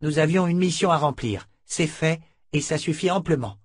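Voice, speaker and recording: A man's voice: a little high, normal speed, dry recording, clean studio sound, voice pushed up, lightly acted. A man voicing a brutal, contemptuous male henchman who barks orders with scorn, in an audiobook. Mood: gruff. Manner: menacing, scornful, commanding. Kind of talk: audiobook character voice.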